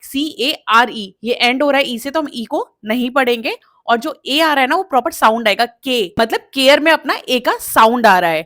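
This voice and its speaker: A woman explaining English pronunciation, repeating words slowly to drill them. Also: sits high, lively intonation, a bit bright. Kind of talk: explanatory lesson.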